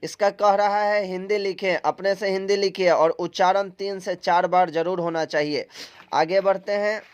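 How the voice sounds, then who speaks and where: A man's voice: sits high, steady tone, moderate pace, clear, resonant tone. A man from India, talking students through a recorded English vocabulary lesson step by step in a plain instructive tone. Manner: plain instructive tone, repeats steps, some filler sounds. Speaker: English teacher.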